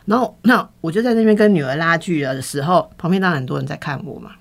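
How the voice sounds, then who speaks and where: This is a woman in a relaxed podcast conversation. Her voice sits somewhat low for a woman. She tells a personal story candidly and animatedly, slipping into the voices of the people she quotes. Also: fast, vocal fry. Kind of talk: casual chat, personal storytelling.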